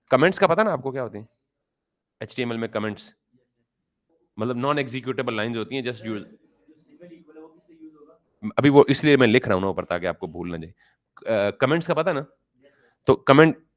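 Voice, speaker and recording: A man's voice: medium pitch, animated, a little fast, pauses often. Man teaching code, quizzing his students. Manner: asks the class questions and answers them himself; explains with everyday examples, mixes in English terms. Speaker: programming teacher. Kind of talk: classroom-style coding lesson.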